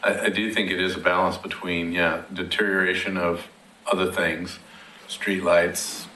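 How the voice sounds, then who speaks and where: A man on a committee speaking in a measured way at a public meeting, thinking aloud with some hesitation. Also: low voice, little pitch movement, bright, forceful tone, a little hiss or hum. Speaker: committee member. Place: council meeting room. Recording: echoey meeting room.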